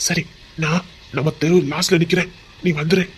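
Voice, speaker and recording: A man's voice: on the high side, flat delivery, normal speed, a little hiss or hum, lightly acted. An actor playing a guilt-ridden young husband with a Tirunelveli Tamil accent, coaxing urgently, his voice choked with remorse. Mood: anguished coaxing. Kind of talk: melodramatic web-series acting.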